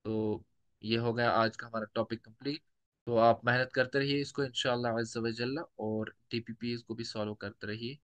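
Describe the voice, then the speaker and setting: A man teaching a tajweed lesson, patiently explaining rules and repeating example words slowly. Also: mid-range voice, fairly even intonation, a bit bright. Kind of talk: lecture with recited examples.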